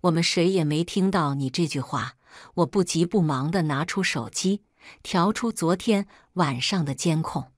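Low-voiced woman narrating a story. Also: normal speed, no room sound, studio quality. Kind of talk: scripted first-person story narration.

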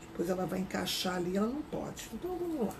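A woman's voice: mid-range voice, sing-song, fast, noisy background. A woman with a Rio de Janeiro accent, teaching a live craft class in a chatty, casual way and greeting viewers by name. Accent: Rio de Janeiro Portuguese.

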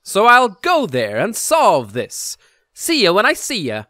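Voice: mid-range voice, wildly swooping pitch, a little slow, pushed and bright, dry recording, clean studio sound, heavily acted. A performer voicing a cocky, breezy young adult male gander in a cartoon comic dub. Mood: eager, cocky. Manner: breezy, exclaiming. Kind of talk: amateur comic dub acting.

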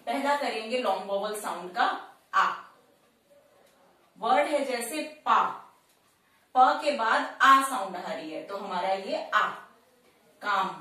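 A woman teaching shorthand in a slow, step-by-step tutorial, repeating each sound and word carefully. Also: mid-range voice, sharp tone, distant mic. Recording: very echoey room, voice off-mic.

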